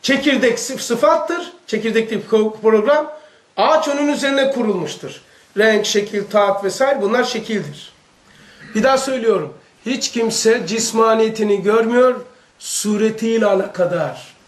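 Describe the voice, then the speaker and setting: A man with a Turkish accent gives a religious lesson to a gathered audience, his voice sitting very high for a man. He talks in a loose, animated way and keeps checking in with his listeners. The room echoes around him. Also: normal speed. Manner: conversational, animated, addresses listeners directly with questions. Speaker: religious teacher.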